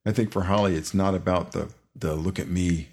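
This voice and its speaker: A man hosting a casual podcast, talking in a rambling, relaxed way with many fillers. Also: deep voice, a little fast. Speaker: podcast host.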